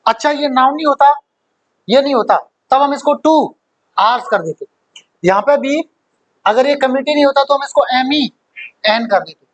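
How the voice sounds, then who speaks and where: A man's voice: very high voice, normal speed, pauses often, rough recording. A man teaching an exam-prep grammar lesson, joking with his students, quizzing them and laughing often.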